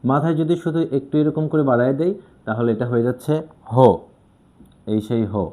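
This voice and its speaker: A man's voice: medium pitch, brisk, mellow. A man teaching Japanese letters, patiently explaining step by step as he writes them out. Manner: patient, demonstrating while writing.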